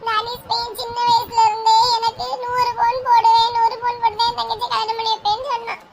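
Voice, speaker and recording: A woman with a Kanyakumari Tamil accent playing a tearful, hot-tempered young woman in a comedy sketch, scolding with quick insults. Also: extremely high pitch, completely flat delivery, a little hiss or hum. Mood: aggrieved. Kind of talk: comic sketch acting.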